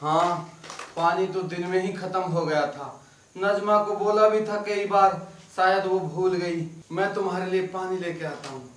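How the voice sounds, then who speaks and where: An actor playing an older blind father who is gentle and heartbroken, speaking in a pleading, poetic, sorrowful way in a melodramatic audio drama. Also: sits high, unhurried, a little hiss or hum. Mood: pleading gently. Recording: roomy voice over background music.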